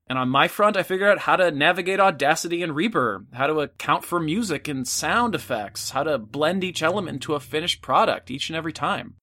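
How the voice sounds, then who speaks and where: A man's voice: a little high, animated, a little fast, hardly any pauses, sharp tone. A man hosting and producing a horror podcast, speaking to listeners in an earnest, reflective way. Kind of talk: anniversary message to listeners.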